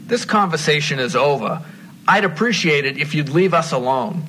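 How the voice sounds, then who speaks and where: A man playing a wary, exasperated married man in a scripted drama, stern and deliberate. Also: fairly high pitch, expressive, a bit bright, slight background noise, low-quality recording. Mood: firm, exasperated.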